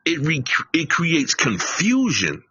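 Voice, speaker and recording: A man's voice: a little high, huge pitch swings, slow, sharp tone, breathy edge, dry recording, highs cut off. A man hosting a live stream, preaching emphatically, repeating his phrases and swearing. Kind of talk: casual live-stream commentary.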